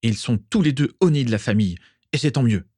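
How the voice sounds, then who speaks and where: A man's voice: mid-range voice, lively intonation, fast, warm tone, no room sound, clean studio sound, pitched above the performer's own voice, lightly acted. A man voicing a proud, tense teenage boy who answers curtly and defensively in an audiobook reading. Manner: curt, tight and defensive. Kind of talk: audiobook character voice.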